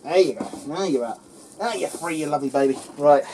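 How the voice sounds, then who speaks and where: A man's voice: fairly high pitch, animated, a little fast, noisy background. Chatty man unboxing on camera. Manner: chatty, talks to the camera and the objects he handles. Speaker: unboxing vlogger. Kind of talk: casual unboxing commentary to camera.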